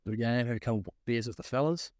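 A man's voice: medium pitch, fast talker, a little mellow, no room sound. A man with a broad New Zealand accent in casual, matey, slangy conversation. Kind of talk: casual chat.

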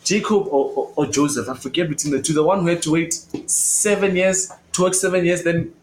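A man's voice: fairly high pitch, a little fast, slight background noise, poor audio. A young man co-hosting a casual faith podcast, talking earnestly and rambling with many fillers. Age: young adult. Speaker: podcast co-host.

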